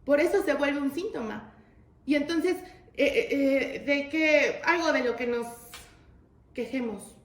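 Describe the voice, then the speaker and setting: A woman leads a religious study session, and her voice sits high. She talks to the group as brothers and keeps it casual, peppering her teaching with rhetorical questions. The sound is roomy, with a clear echo off the walls. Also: unhurried. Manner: addresses listeners as brothers, asks frequent rhetorical questions. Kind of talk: conversational religious lesson.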